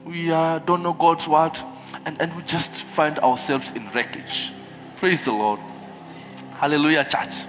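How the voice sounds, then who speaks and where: A man's voice: a little high, fairly even intonation, a little slow, fairly bright tone, a little hiss or hum. A middle-aged man with an East African accent preaching a church sermon, exhorting with rhetorical questions and repeated refrains. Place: church hall, speaking from a pulpit on stage.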